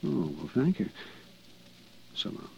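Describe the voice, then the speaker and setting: An actor playing a nervous, hedging lawyer with a husky voice who hesitates and wavers, in old-time radio drama style. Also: male voice, mid-range voice, sing-song, takes it slowly, a little mellow, slight background noise, exaggerated voice. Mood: worried. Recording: dull lo-fi old radio recording.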